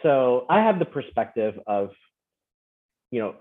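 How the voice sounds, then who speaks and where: Raised between the Philippines and the US, this fan club founder rambles through a casual podcast interview, often ending points with "right?". His mid-range voice is sing-song and measured, heard on a tinny phone-like connection.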